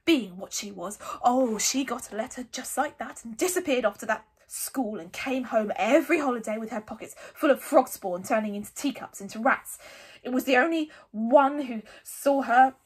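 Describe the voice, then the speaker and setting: A woman's voice: a little high, normal speed, husky. A woman voicing a bitter, jealous middle-aged aunt in a storybook, shrieking and ranting with scorn.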